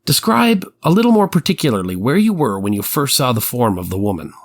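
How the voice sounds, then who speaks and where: A brisk man with a medium pitch and big pitch swings takes the role of an 1890s prosecuting attorney. In this dramatized reading of a courtroom transcript, he questions a witness with precision, formality, and method, striking a probing, formal mood.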